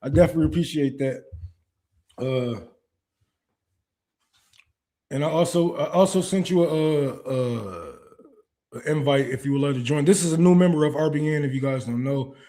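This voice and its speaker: A livestream host with a Detroit accent rants with heavy profanity before reading chat and thanking donors. His warm voice is on the high side and fairly quick.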